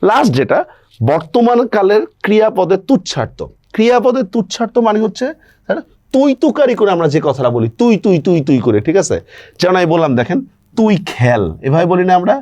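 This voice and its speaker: A man's voice: sits high, big pitch swings, quick pace, a little mellow, no echo. A male teacher giving an online grammar lecture, explaining step by step and checking in with rhetorical questions.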